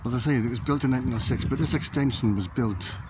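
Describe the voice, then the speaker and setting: Recorded on a handheld phone camera, a man with a medium-pitched voice casually narrates a walking tour through a library and along a high street. He's unhurried and pauses with "uh" as he points things out, over noisy audio with room ambience.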